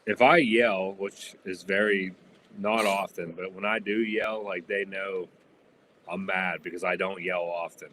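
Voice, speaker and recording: A man's voice: deep voice, fairly even intonation, a little slow, sharp tone, slight background noise. A man talking casually, rambling with lots of fillers. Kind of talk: casual chat.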